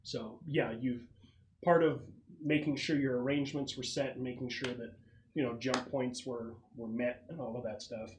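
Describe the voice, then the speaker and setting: A man with a medium-pitched voice speaks at a normal speed with fairly even intonation, acting as game master in casual tabletop narration. He explains the scenario conversationally, piecing details together as he goes. The clip was recorded in a noisy room and has clicks.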